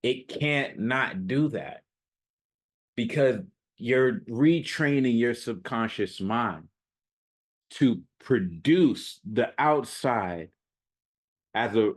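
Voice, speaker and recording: A self-improvement coach delivers an unscripted motivational monologue in a medium-pitched voice, speaking emphatically and repetitively in a casual, slangy way.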